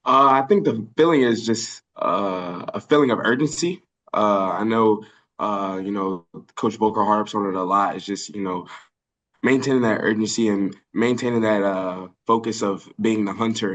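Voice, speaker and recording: A young man in his early twenties from Birmingham, Alabama, answering press questions over a video call in an earnest way, with many fillers and restarts. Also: lowish voice. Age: early 20s. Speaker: college football linebacker.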